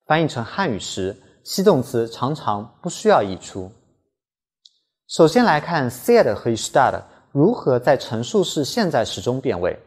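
A man teaching a language lesson in scripted narration, slowing down carefully to model pronunciation. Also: medium pitch, a little mellow, breathy edge.

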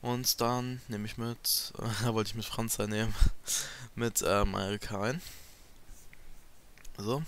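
A man's voice: lowish voice, takes it slowly. A man giving casual, rambling commentary over a video game as a let's player. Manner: relaxed, rambling, many fillers.

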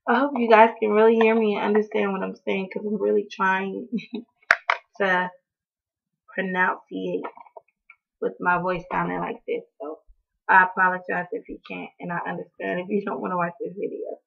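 A young North Carolina beauty vlogger, hoarse from allergies, talks at normal speed in a husky, rough, deeply gravelly voice with flat delivery. Chatty and apologetic about how she sounds, she fills her casual haul video with ums and the odd cough. A close-range webcam in a small indoor room, in front of a door, yields a thin, phone-like recording.

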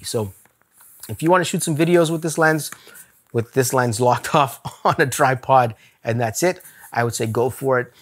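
A man reviewing camera gear straight to camera in a relaxed, talkative way. He gives blunt opinions and breaks into little laughs as he goes, with an ordinary, mid-range voice. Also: mid-range voice. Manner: chatty, laughs often, candid opinions. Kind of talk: casual gear review vlog. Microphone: camera-mounted shot on a zoom lens.

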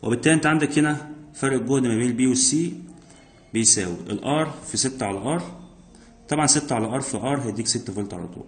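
A man's voice: medium pitch, very fast. A man with an Egyptian accent, teaching physics by working exam problems step by step, asking himself questions and answering them. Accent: Egyptian Arabic. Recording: roomy echo.

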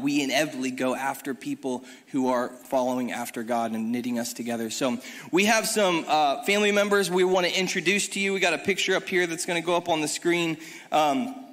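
A man's voice: fairly high pitch, a bit bright. A man leading a church service, giving announcements and then praying aloud in an earnest way, heard on a stage microphone in a church sanctuary. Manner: earnest, prays aloud with repeated "Lord" and "God". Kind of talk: church announcements and spoken prayer. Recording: long reverb of a church hall.

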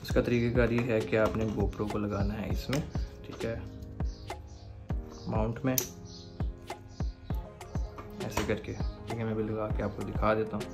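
Over loud music, a young man with a Pakistani Urdu accent explains his motorcycle camera and mic gear in a relaxed how-to, frequently checking in by asking "theek hai." He is a motovlogger, and his fairly low voice is flat and moderately paced.

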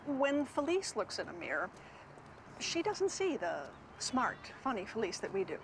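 A wry, wise teacher. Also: female voice, a little high, moderate pace, a little hiss or hum, poor audio. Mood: patient. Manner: calm, wry and lecturing. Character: wise, dry-humored woman teacher. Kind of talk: 1990s sitcom acting.

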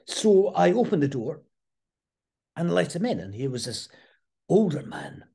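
Slow, husky-voiced male storyteller. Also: medium pitch, sing-song, darkish tone. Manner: slow, thoughtful, earnest. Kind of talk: reflective personal storytelling.

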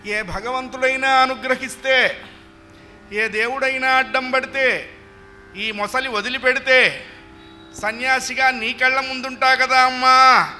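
A frightened young boy calls out in shrill, desperate wails, as a male storyteller puts him on. The voice sits high and rings bright and forceful, with faint instrument music behind. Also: level tone, fairly quick, few pauses, big-room sound. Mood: pleading. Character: frightened young boy crying to his mother.

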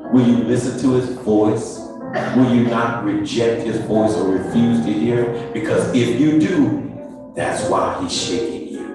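At an unhurried pace and medium pitch, a man preaches as pastor, giving a sermon and altar call in a Southern US accent. His rhythmic style swells into chanted, sung calls, captured far off in an echoey sanctuary with organ or piano underneath.

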